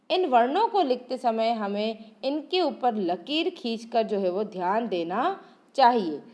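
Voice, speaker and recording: A woman's voice: high-pitched, a little mellow. A woman teacher giving an exam-prep lesson, asking her own questions and answering them, stretching out example sounds. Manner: asks rhetorical questions and answers them herself; drawn-out, sung examples when calling out sounds.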